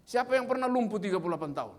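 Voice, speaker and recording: A man in his fifties giving a lively sermon as guest speaker, quizzing the audience with playful questions. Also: sits high, rapid-fire.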